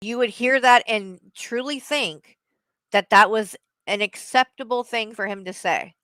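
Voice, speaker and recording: A woman's voice: on the high side, a little slow, bright, forceful tone, no room sound. A woman streamer giving heated live commentary, blunt and profane, talking straight at the person she criticizes. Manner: blunt, profane, addresses someone directly.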